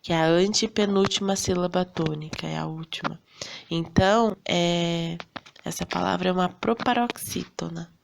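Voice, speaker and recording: A woman's voice: lowish voice, steady tone, creaky, a little hiss or hum. A Brazilian woman teaching a recorded lesson for fifth graders, patient and checking in often with her students. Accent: Brazilian Portuguese. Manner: slow, patient, checks in with "tá bom?".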